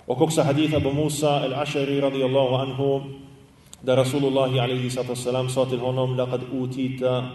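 A man's voice: medium pitch, little pitch movement, a little mellow, roomy sound, big-room sound, recorded from a distance. A man teaching a religious study class, asking his students questions and chanting Arabic quotations in a sung tone. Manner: asks the class questions and answers them; recites Arabic phrases in a sung tone. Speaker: Islamic teacher.

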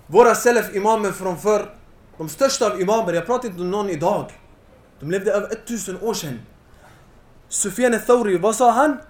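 A young man giving an impassioned Islamic lecture to a young audience, at times rising nearly to a shout. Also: high-pitched, echoey room.

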